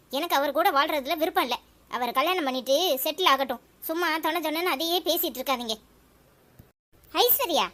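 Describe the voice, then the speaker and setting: A woman's voice: high-pitched, a bit bright. A woman with a Tirunelveli Tamil accent voicing a stubborn young married woman in a cartoon, speaking curtly and defiantly. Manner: curt, defiant.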